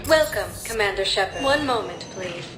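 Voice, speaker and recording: A calm, courteous station computer in a video game, making public-address announcements in a level, mid-height tone. It rings out with a roomy echo, and loud game music plays behind it. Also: female voice, mid-range voice, moderate pace. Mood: calm polite. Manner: polite, even, automated announcing.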